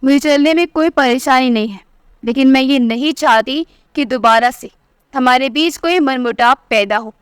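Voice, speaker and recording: A woman's voice: high-pitched, moderate pace, clear, resonant tone, no room sound, studio quality, lightly acted. A woman voicing a proud, angry young married daughter who speaks sharply and defiantly. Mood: resentful. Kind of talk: storybook narration.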